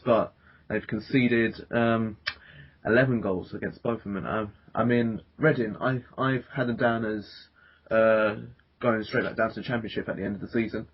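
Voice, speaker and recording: A man's voice: lowish voice, slightly rough. A man hosting a casual football podcast, talking with many fillers and restarts. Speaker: podcast host. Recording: dull lo-fi podcast audio.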